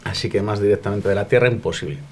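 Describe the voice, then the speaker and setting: A young adult man, a chef, calmly explaining how his restaurant works, in a casual, filler-laced way, in a dining room. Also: on the low side, quick pace, a little hiss or hum. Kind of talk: casual interview answers.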